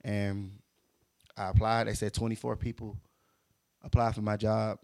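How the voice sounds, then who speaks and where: A young man tells his own story on a podcast, circling back to correct himself and repeating the key points for emphasis. His voice sits low with a gravelly fry. The recording is dry and close, with no room around it. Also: level tone, a little slow, dark tone, dry recording. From Mississippi. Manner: rambling, self-correcting, emphatic repetitions. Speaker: podcast host. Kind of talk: casual storytelling monologue.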